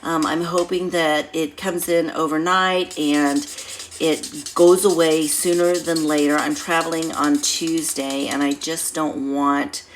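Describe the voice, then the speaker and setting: A low-pitched woman teaches a craft class in a casual, step-by-step way. Her voice is congested and nasal, as if her nose is blocked by a cold. There is some background noise on the recording. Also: flat delivery, takes it slowly. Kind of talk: casual demonstration, talking through each step.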